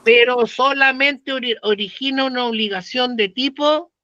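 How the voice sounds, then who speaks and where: A man's voice: very high voice, moderate pace, sharp tone, no room sound, lo-fi sound. A man with a Chilean accent teaching law, talking casually with slang and asking the class questions. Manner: conversational, uses slang and rhetorical questions. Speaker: law professor. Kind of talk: lecture.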